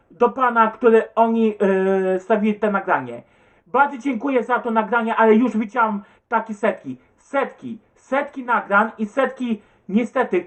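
A man who answers viewer comments in an agitated, stumbling rant, swearing and repeating himself. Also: sits high. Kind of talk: rambling webcam rant.

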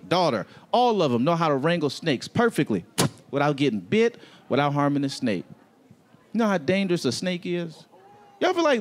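Young guy doing standup at a club, high voice that jumps all over, handheld mic, bit of noise behind. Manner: loud, animated, swearing, crowd laughter. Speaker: stand-up comedian. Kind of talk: stand-up set. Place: comedy club stage.

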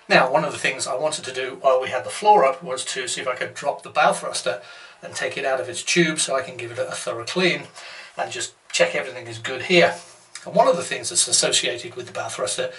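A sailing vlogger with a medium-pitched, fairly bright, husky voice narrates his own boat maintenance video, filmed on a handheld action camera aboard a sailboat and beside its hull in a boatyard. He's chatty and matter-of-fact, explaining each job step by step.

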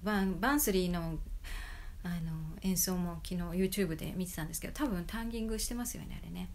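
A woman flute player chatting casually to the camera about her bamboo flutes, with many fillers and soft, half-whispered asides. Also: on the low side, fast, slight background noise.

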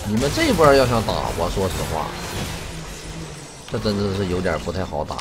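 A man talks through a live game stream, his pitch swinging wildly from phrase to phrase. He mixes wry jokes with curses, and soft music plays faintly behind him. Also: brisk. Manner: animated, cursing, wry running commentary. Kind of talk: live gameplay commentary.

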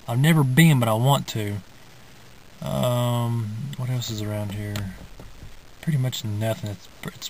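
A man's voice: medium pitch, darkish tone, slight background noise, poor audio. Young man rambling in a parked car. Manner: rambling, drawling, many fillers and restarts. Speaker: vlogger. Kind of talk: casual rambling monologue. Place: inside a parked car in the woods. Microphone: phone or camera held at arm's length.

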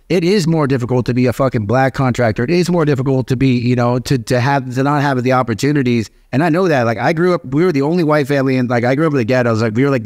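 A man hosting a podcast in a casual chat, talking in an animated, profane way full of street slang. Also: medium pitch, no room sound, studio quality. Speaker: podcast host.

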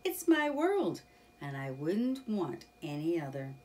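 A woman voicing a cheerful, proud male water rat in a children's storybook reading, in an animated character voice. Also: low voice, takes it slowly, recorded from a distance, exaggerated voice. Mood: lively, proud.

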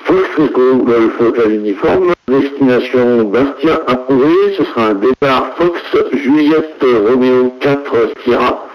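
A man's voice: medium pitch, slow, hardly any pauses. A man working as an air traffic controller in a flight sim, speaking in radio phraseology over a headset radio channel, hesitant with frequent fillers. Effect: heard over a headset radio channel. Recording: dull, muffled radio audio with faint hiss.

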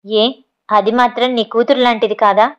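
A woman's voice: on the high side, steady tone, moderate pace, clean tone, muffled recording, lightly acted. A woman voicing a scolding old grandmother. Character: grieving old grandmother scolding her son.

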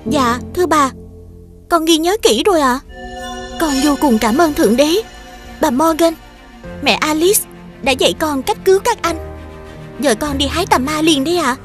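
A brave, gentle young princess from a cartoon fairy tale, voiced by a woman. She speaks politely, softly and eagerly in a very high voice, with faint music behind. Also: moderate pace, pauses often, close to an everyday voice. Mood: tender. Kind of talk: dubbed cartoon acting.

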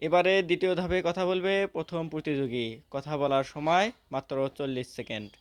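Brisk male debate moderator. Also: fairly high pitch. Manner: brisk, announcing turns and time limits.

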